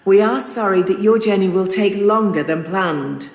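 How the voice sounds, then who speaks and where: A woman giving automated railway announcements over a station PA loudspeaker, in measured, evenly spaced phrases. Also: medium pitch. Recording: echoey station hall with background noise.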